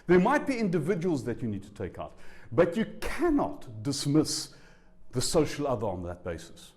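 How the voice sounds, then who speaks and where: In a university lecture room, a spiritual teacher from South Africa gives a public talk to a live audience. He's in his sixties, a native Afrikaans speaker, and his voice is a little high at a normal speed. His delivery is lively and chatty, full of rhetorical questions for the crowd.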